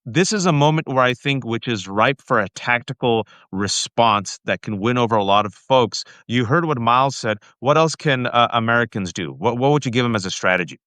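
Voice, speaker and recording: A man's voice: mid-range voice, animated, a little fast, hardly any pauses, fairly bright tone, dry recording. A male host of a political talk show, speaking emphatically with stammering restarts and repeated lists.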